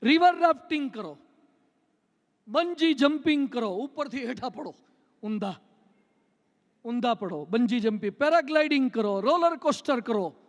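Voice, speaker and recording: High-voiced monk preaching in a hall. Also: male voice, expressive, normal speed, long pauses. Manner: storytelling, playful, mimics people. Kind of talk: humorous sermon with anecdotes. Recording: long hall reverb.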